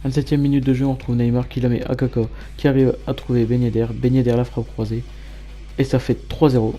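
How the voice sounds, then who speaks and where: A man giving matter-of-fact play-by-play commentary as a gamer over his own match highlights. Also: level tone, fairly quick, warm tone, faint music behind. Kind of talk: gameplay commentary.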